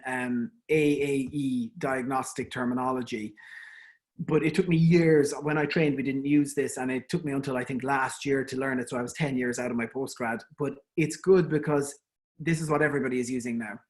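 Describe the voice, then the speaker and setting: An Irish man, a dental specialist, gives a conversational online lecture to fellow dentists, with frequent ums and restarts. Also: medium pitch. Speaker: endodontist giving an online talk. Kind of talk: informal webinar lecture.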